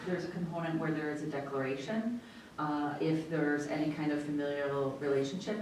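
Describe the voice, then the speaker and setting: A woman with an American accent giving an explanatory report at a meeting as a school superintendent. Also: a little mellow. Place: indoor meeting room. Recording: echoey room, far mic, faint rumbling noise.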